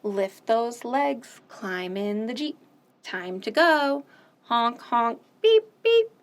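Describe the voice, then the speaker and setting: A fairly high-pitched woman reads picture books aloud to children and sings nursery songs, unhurried throughout. Her style is lively and sing-song, peppered with loud, playful sound effects.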